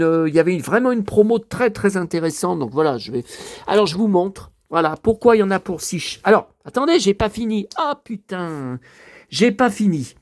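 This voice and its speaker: A man's voice: high-pitched, darkish tone, no room sound, studio quality. Chatty man in his fifties, rambling. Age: 50s. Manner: chatty, rambling, swears often; breathless from carrying heavy bottles. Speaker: vlogger. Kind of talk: casual chat to camera. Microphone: handheld camera held while talking.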